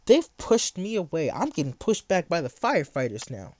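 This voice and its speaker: A streamer talking late into the night in a heated, sarcastic rant. The delivery jumps between mocking asides and blunt jabs. The pitch sits in a middle range. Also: big pitch swings, normal speed, a little mellow, no echo. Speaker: livestreamer.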